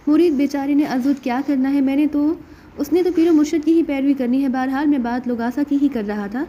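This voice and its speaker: Cheeky spy guy cracking jokes, mock respectful, woman narrator putting him on, highish. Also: mellow, highs cut off, a little hiss or hum. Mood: joking. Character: witty, playful male secret agent.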